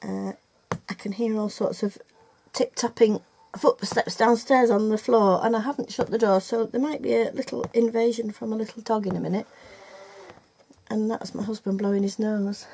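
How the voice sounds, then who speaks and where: An older woman teaches felt-making in a casual video tutorial from an upstairs room at home, chatty but hesitant, with many ums and self-corrections. Her voice is a little high and mellow, with vocal fry, a steady tone, and a moderate pace. A faint hiss or hum is present.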